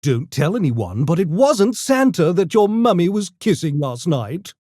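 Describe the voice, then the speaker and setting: A pint-sized gremlin intellectual for a video game. The voice swings dramatically up and down and takes its time over every fancy word. It is smug, pompous and mischievously menacing, recorded dry and close. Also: male voice, sits high, very animated, measured pace, mellow, no echo, full character voice. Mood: smug, urbane. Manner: pompous, wordy, mock-genteel diction. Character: small, erudite, smug male gremlin genius with mischievous menace. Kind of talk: video game character voice lines.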